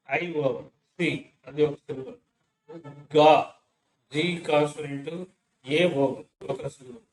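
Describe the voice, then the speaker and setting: A male English teacher gives a syllable-by-syllable pronunciation lesson, speaking slowly and deliberately as he breaks words into sounds and repeats them. His voice is a little high. The room is echoey, with a faint hiss or hum.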